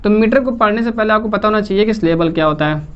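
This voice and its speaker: A woman's voice: medium pitch, fast, clean tone. Woman teacher quizzing and repeating terms. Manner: quizzes listeners, repeats key terms, checks in with "okay". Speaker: English literature teacher. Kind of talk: classroom-style lecture. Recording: slightly muffled recording.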